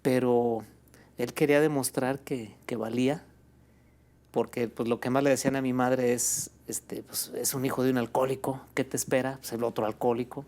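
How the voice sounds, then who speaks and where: A Mexican man with a gravelly, creaky voice tells a long story as a guest in a conversation. He speaks in a relaxed, chatty way, often pausing on fillers and asking "¿no?" at the end of his phrases. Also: medium pitch. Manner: relaxed, fills with "este" and "pues", ends phrases with "¿no?". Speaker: guest, birria restaurant owner.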